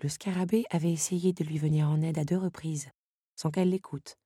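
A woman narrating an audiobook in a measured, even storytelling manner. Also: low voice, slightly rough, no echo, studio quality.

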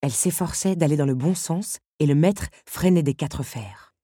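A woman narrating an audiobook in a calm, measured storytelling manner. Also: deep voice, breathy edge, no room sound, clean studio sound. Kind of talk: scripted narration.

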